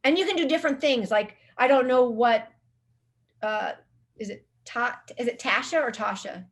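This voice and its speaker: A woman's voice: high voice, normal speed. Chatty woman rambling about marketing. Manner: rambling, with many restarts and filler words. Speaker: guest social media marketing specialist. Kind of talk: casual conversational interview.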